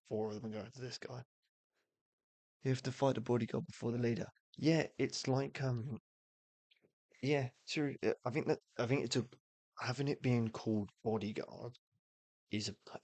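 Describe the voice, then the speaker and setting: Guy streamer explaining a tabletop game, kinda gravelly, dry close sound. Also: fairly low pitch, no room sound. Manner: thinking aloud with fillers while rolling dice.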